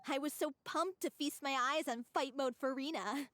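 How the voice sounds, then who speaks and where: An actress voicing a lively, eager young woman in a theatre troupe in a game. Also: high-pitched, normal speed, crowd noise, natural voice.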